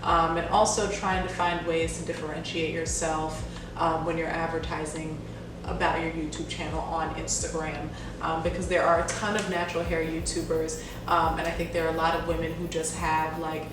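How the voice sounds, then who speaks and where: A friendly woman in her twenties from Jamaica answers viewer questions in a loose, rambling way, full of "um" and "like". Her voice sits a little low. It rings around a very echoey room with the mic set back from her, and a steady rumble of noise runs underneath. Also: normal speed, recorded from a distance. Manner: chatty, friendly, with frequent "um" and "like". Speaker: beauty YouTuber. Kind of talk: casual Q&A vlog. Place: home in New Jersey.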